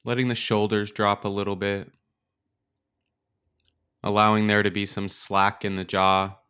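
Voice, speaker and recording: A man with a smooth, low voice, a meditation teacher and podcast host, leads a slow, instructional guided meditation. His phrasing is calm, gentle, and unhurried, with pauses.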